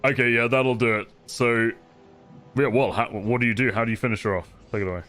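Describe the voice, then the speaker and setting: A man's voice: medium pitch, steady tone, brisk, a bit bright. Man narrating as a laughing game master. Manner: vivid descriptive narration, laughs often.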